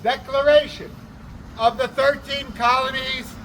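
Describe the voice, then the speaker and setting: A man playing a town crier, delivering a formal proclamation in deliberate, declamatory short phrases, outdoors. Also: extremely high pitch, fairly even intonation, fairly bright tone, exaggerated voice, low-quality recording. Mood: solemn, proclaiming. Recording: outdoor recording with faint traffic noise.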